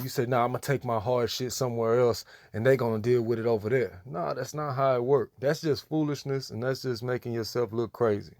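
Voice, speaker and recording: With a mid-range, darkish voice recorded dry and free of echo, an American man scolds his audience. A religious commentator, he reacts in a preachy, emphatic style and keeps repeating himself.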